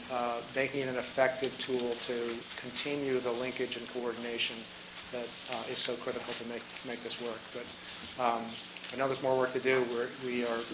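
A man in his forties giving a public comment at a meeting podium, speaking haltingly with many fillers and restarts. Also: mid-range voice, echoey room, heavy background noise. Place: large meeting room, indoors. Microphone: podium mic.

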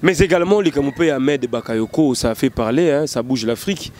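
Male host, prompting interviewer; average pitch, light background noise. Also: fairly quick, darkish tone. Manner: prompting, short agreeing interjections. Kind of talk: interview questions.

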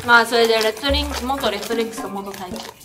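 A woman's voice: on the high side, rapid-fire. A young woman chatting casually and boisterously at a drinking challenge, tipsy and giggly. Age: young adult. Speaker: video channel member. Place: indoor room around a table. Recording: music laid under the voices. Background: music.

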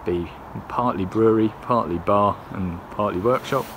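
A man's voice: on the low side, moderate pace, background noise. A young man in his twenties vlogging a garden building project, talking casually with a wry, self-deprecating manner while filming on a phone held at arm's length outdoors. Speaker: home brewing vlogger. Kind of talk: casual vlog narration. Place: outdoors in a back garden and inside a wooden cabin. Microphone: phone camera at arm's length.

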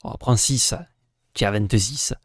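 A man co-hosting casual gameplay commentary, thinking aloud and counting out his plays in a relaxed way. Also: lowish voice, slow, no echo, studio quality. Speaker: co-host playing the game.

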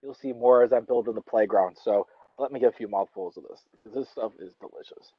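A man's voice: lowish voice, brisk, slightly rough, no room sound, muffled recording. A young man vlogging while he eats outdoors, rambling casually with fillers and restarts. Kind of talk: casual talk while eating. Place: outdoors under a tree in a yard.

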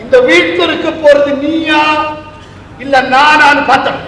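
Angry scornful son, high voice, booming hall. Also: male voice, steady tone, normal speed. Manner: curt, contemptuous. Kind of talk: 1970s Tamil stage play acting. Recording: echoey hall, stage recording with faint music.

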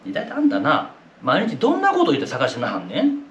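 A man voicing a sharp-tongued, exasperated Osaka wife who scolds and nags her husband, with an Osaka accent. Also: fairly high pitch, wildly swooping pitch, quick pace, a little hiss or hum, pitched below the performer's own voice. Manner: scolding, nagging. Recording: roomy echoey room.

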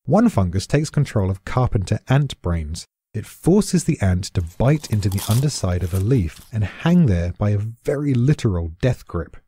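A man's voice: fairly low pitch, big pitch swings, normal speed, warm tone, slightly rough, no room sound. A British man giving a scripted podcast explanation in a dry, darkly amused way.

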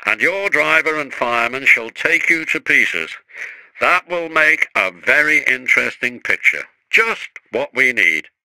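A man's voice: medium pitch, animated, measured pace, bright, forceful tone, dry recording, voice pushed up, full character voice, rough recording. A man voicing a stern, important male railway boss who speaks firmly. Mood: commanding. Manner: firm and commanding.

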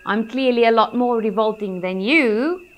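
Lady voicing a smug bald vulture, relishing every gross detail, high and loud, storybook. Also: moderate pace, dull audio, lightly acted.

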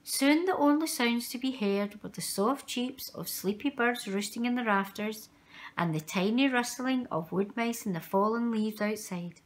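A woman whose voice is a little high reads a children's picture book out loud. She uses a measured, expressive storytelling manner, adding dramatic weight for young listeners.

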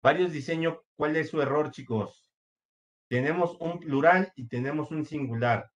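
A man's voice: fairly high pitch, measured pace, highs cut off. A man teaching a computer class, walking students through each step patiently with frequent fillers. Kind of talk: screen-share computer lesson.

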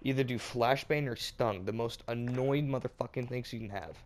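A man's voice: medium pitch, normal speed, slight background noise. A young man with a congested cold, chatting crudely and laughing often during casual gameplay commentary. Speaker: gamer and channel host.

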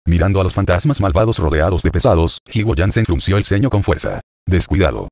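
Male narrator for a serialized novel audiobook: deep voice, quick steady read. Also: no echo, studio quality. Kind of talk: audiobook reading of a translated web novel.

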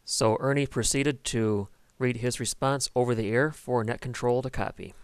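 A man's voice: mid-range voice, steady tone, moderate pace, clear, resonant tone. A man narrating an explanatory voice-over as the narrator of a demonstration video.

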